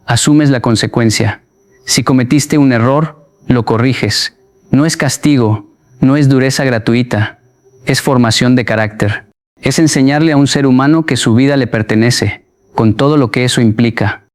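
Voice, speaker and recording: Male motivational narrator: smooth, resonant voice at a middle pitch, measured and emphatic. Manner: measured, emphatic delivery in short, punchy phrases.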